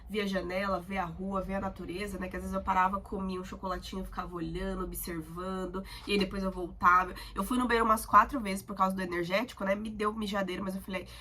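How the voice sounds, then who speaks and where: A woman's voice: mid-range voice, fast talker, hardly any pauses, a little hiss or hum. A talkative young woman with a Brazilian accent, chatting casually to camera as a student vlogger. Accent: Brazilian Portuguese. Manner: chatty, talkative, animated storytelling.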